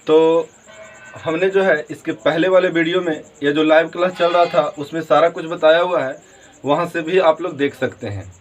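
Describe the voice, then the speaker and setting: A male teacher with a rather high voice walks students through a grammar lesson. He explains patiently and repeats points, and he often stops to check that they are following and to spell words out letter by letter. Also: fairly even intonation, normal speed, faint music behind, rough recording. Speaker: English teacher.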